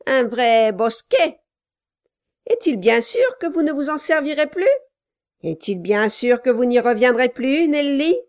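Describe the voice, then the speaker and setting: A spiteful, gloating dwarf of a man, as a woman reader puts him on, barking threats and cooing with false sweetness. The voice sits high and is delivered slowly, each word pushed out loud. It is an audiobook figure who is cruel and enjoys it. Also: big pitch swings. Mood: mock-sweet.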